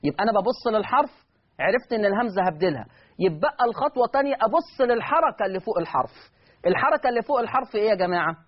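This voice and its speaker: A man's voice: high voice, animated, very fast. A man with an Egyptian accent teaching Quran recitation rules, repeating key phrases and answering his own questions. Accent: Egyptian Arabic. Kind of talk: classroom lesson on recitation rules. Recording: dull lo-fi lecture recording.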